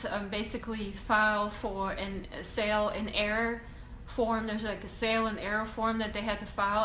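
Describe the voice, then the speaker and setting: A Russian woman who teaches real estate investing answers viewer questions in a casual Q&A video, halting often with ums and restarts. Her voice is medium-pitched and a bit bright, recorded in an echoey room with faint ambient hiss.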